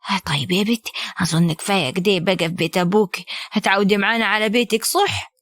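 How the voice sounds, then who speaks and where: A woman with an Upper Egyptian accent voicing a scheming, sharp-tongued older mother-in-law who scolds and orders people about. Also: mid-range voice, fast talker, no echo, lightly acted. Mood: coaxing. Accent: Upper Egyptian Arabic. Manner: scolding, sweet-talking then sharp.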